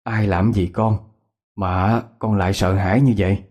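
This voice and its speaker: A man's voice: on the low side, fairly even intonation, a little slow, darkish tone, slightly rough. A man voicing a worried, protective middle-aged mother, coaxing and scolding. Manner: coaxing, then sulky scolding.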